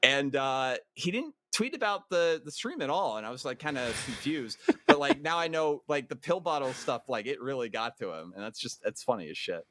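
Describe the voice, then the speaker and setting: A streamer telling a story in a rambling, amused way during casual commentary chat. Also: male voice, medium pitch, animated, moderate pace, few pauses, a bit bright, a little hiss or hum.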